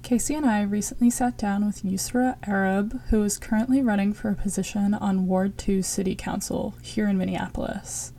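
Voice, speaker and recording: A woman producer introducing a segment and asking interview questions in a scripted, measured way. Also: mid-range voice, steady tone, warm tone.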